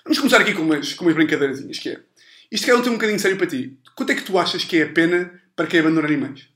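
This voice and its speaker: A man from hosts in a casual, comedic way. His voice sits high for a man and races along very quickly. The recording has a roomy echo. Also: expressive, a bit bright. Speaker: podcast host. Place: indoors in a home. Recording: roomy, echoey home recording.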